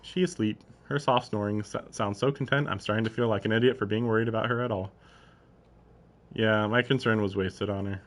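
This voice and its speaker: On a live stream, a man reads a story aloud in a lowish, steady voice at a fairly quick pace. Between passages he adds informal, questioning asides, a casual and puzzled running commentary.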